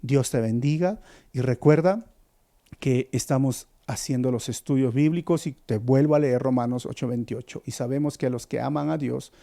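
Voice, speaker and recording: A man preaching a devotional sermon to his listeners, impassioned and direct, swinging from loud emphatic peaks to quiet low endings and repeating words for emphasis, with a Peruvian Spanish accent. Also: moderate pace, creaky. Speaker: pastor. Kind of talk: devotional Bible study sermon.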